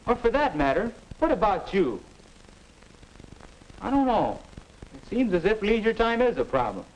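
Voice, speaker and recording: A young male actor plays a restless, skeptical teenage boy in a 1950s educational film, sounding earnest, questioning, puzzled and curious. His voice sits high and sing-song at normal speed. The film soundtrack is noisy.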